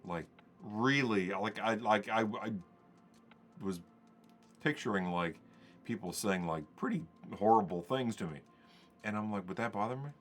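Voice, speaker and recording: A man's voice: on the low side, a little slow, long pauses, faint music behind. A man telling stories on a podcast in a rambling, conversational way, acting out the dialogue he quotes. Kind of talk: casual podcast storytelling.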